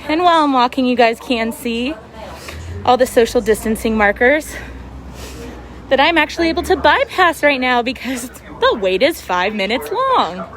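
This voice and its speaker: Female vlogger, slightly high voice, casual chatty walk-along delivery aimed at viewers. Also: sing-song, moderate pace, fairly bright tone. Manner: chatty, amazed, addresses viewers as guys. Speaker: vlogger and podcast host. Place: outdoors in a theme park queue.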